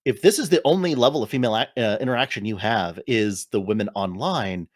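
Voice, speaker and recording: A man co-hosting a gaming podcast in casual chat, talking things through in a measured way. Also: on the low side, lively intonation, no echo, studio quality. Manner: measured, many "you know" fillers. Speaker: podcast co-host.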